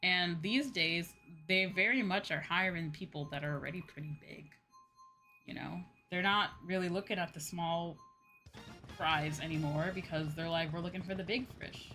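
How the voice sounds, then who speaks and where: At a normal pace, this woman's low-leaning voice comes across bright and forceful as she streams a video game. Her casual chat to viewers wanders as she muses and revisits phrases, with soft background music.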